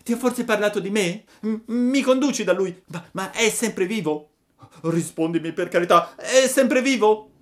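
Pinocchio, a wailing puppet boy. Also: unhurried. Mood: anxious pleading. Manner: wailing, stammering, high and loud. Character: sobbing wooden puppet boy, desperate and pleading. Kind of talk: storybook reading.

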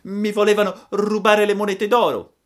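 A man voicing an excitable wooden puppet boy with a high, breathless, pleading voice. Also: normal speed, natural voice. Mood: excited.

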